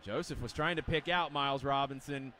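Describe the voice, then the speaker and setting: A man's voice: medium pitch, a little fast, bright, forceful tone, a little hiss or hum. A man giving color commentary on soccer, matter-of-fact and critical of the play. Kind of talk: soccer analysis.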